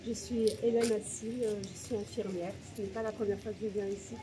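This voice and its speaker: A woman's voice: medium pitch, steady tone, fairly quick, background noise. A woman, a nurse, briefly introducing herself.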